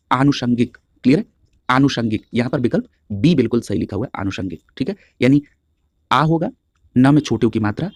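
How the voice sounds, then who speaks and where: A man teaching an exam-prep spelling lesson at a quick clip, his voice dry and close with no room around it. He spells out each word slowly, piece by piece, then checks in with "clear?" before moving on. His pitch sits right in the middle for a man. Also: a little mellow, no room sound. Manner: drills each answer, checks with a constant "clear?"; spells words out slowly letter by letter.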